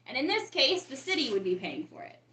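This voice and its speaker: Casting: woman live-streamer, bright and a touch high, easy chatty delivery, roomy echoey home room. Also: very animated, fairly quick. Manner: chatty, reads and greets viewers from the chat. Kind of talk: casual live-stream chat. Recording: roomy echo.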